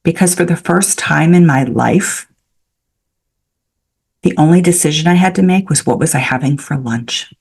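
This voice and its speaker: A woman in her sixties, a podcast guest, telling a personal story in an animated, chatty way with frequent restarts. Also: low-pitched, moderate pace, vocal fry, long pauses, breathy edge. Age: 60s. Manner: animated, with many restarts and fillers. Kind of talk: storytelling in a casual interview.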